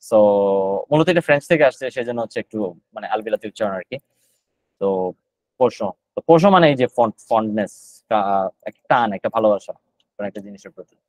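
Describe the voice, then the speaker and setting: A man runs a live online GRE vocabulary class. He explains each word in a rapid, steady stream of Bengali with English terms and filler sounds mixed in, saying every word several times over. His voice sounds close and dry, with no room around it. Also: on the low side, dry recording, rough recording.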